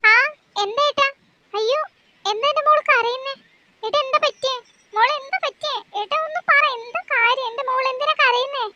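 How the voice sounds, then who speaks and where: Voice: very high voice, normal speed, sharp tone, highs cut off, pitched above the performer's own voice, full character voice. Young woman voicing a fretful nagging mother. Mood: worried. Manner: fretful, exasperated, scolding. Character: worried, nagging middle-aged mother.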